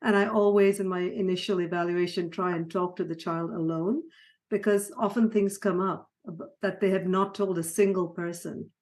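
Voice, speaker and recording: A middle-aged woman from Sri Lanka, a psychiatrist guest on an interview, talking warmly with frequent laughs and restarts. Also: lowish voice, fairly even intonation, moderate pace. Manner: warm, laughing, many restarts. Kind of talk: conversational interview.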